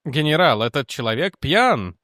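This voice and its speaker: A man's voice: medium pitch, big pitch swings, normal speed, fairly bright tone, no echo, clean studio sound. A man voicing an officious government representative who presses demands and questions. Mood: indignant demanding.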